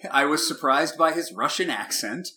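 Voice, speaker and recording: A man's voice: on the high side, animated, a little slow, bright, forceful tone. A man co-hosting a casual film-review podcast, chatty and laughing often as he talks. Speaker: podcast co-host. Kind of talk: casual chat.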